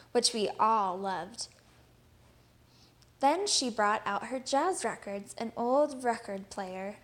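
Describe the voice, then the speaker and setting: Here a woman performs a children's picture book aloud in an expressive, storyteller's style, her voice fairly high in pitch.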